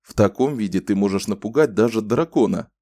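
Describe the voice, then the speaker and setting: A frank, good-natured grown man who teases kindly and speaks bluntly, as the audiobook reader plays him. His voice is low and mellow, close to the reader's own. The sound is dry and close to the mic. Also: brisk. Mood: teasing lively. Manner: frank, teasing.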